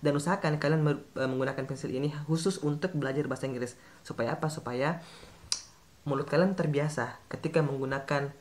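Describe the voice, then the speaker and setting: A man's voice: a little high, brisk, a little hiss or hum. A man talks viewers through study tips as an English tutor. His delivery is casual and chatty, and he often stops to correct himself mid-sentence. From Makassar, Indonesia. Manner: chatty, addresses viewers directly, frequent self-corrections. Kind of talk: casual teaching vlog.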